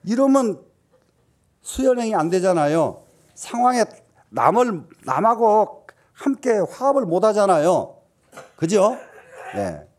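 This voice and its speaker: A man's voice: high voice, very animated, takes it slowly, long pauses. Emphatic Buddhist preacher man. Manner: asks the audience questions, answers himself; emphatic rises, then drops into soft asides. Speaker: Buddhist teacher. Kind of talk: Buddhist dharma talk.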